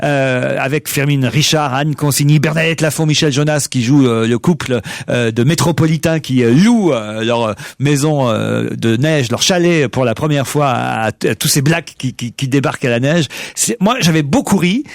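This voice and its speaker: A man hosting a radio show, leading lively banter, laughing often and hesitating with fillers when reading. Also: mid-range voice, normal speed, creaky, hardly any pauses, dry recording, clean studio sound. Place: radio studio.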